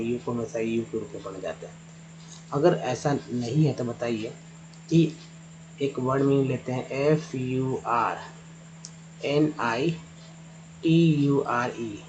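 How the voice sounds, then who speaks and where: A man's voice: medium pitch, darkish tone, poor audio. A man teaching English pronunciation, patiently spelling out words letter by letter and repeating each sound. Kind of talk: Hindi-language phonics lesson at a board.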